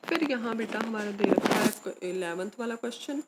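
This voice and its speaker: A woman's voice: mid-range voice, normal speed, heavy background noise. Patient woman teacher explaining grammar. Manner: explains patiently, asks and answers own questions; calls students beta, mixes English words. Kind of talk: Hindi grammar lesson for students.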